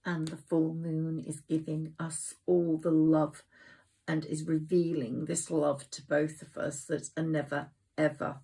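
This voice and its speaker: Woman, tarot reader, low gravelly voice, slow and effusive, rambling. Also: mellow, poor audio. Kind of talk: tarot card reading to camera.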